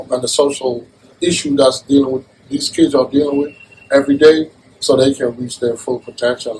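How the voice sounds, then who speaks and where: A man's voice: mid-range voice, a little mellow, slight background noise, low-quality recording. A man from Jamaica being interviewed, talking in an earnest, casual way and often restarting his phrases. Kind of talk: casual conversation.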